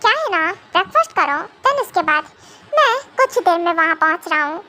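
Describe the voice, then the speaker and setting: A woman's voice: very high voice, sing-song, normal speed, sharp tone, exaggerated voice. A young woman voicing a stern, possessive young mafia husband who scolds and coaxes his wife, in an amateur fan audio drama. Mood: coaxing.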